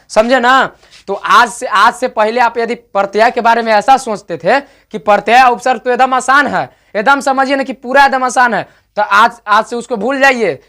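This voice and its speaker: Speaking in a very high, slightly bright voice, a man teaches an online grammar lesson. He addresses his students directly and says example words aloud repeatedly to drill their pronunciation.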